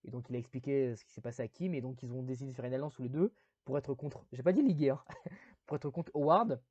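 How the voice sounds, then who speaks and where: A man's voice: medium pitch, fast talker, darkish tone, dry recording, highs cut off. A man giving a casual spoken video review, rambling with many fillers and self-deprecating asides.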